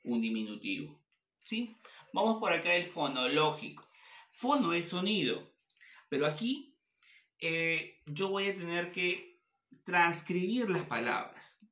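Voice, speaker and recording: A male teacher giving a classroom lecture at the board, asking questions and answering them himself, spelling words out slowly. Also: sits high, animated, bright, forceful tone. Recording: echoey classroom.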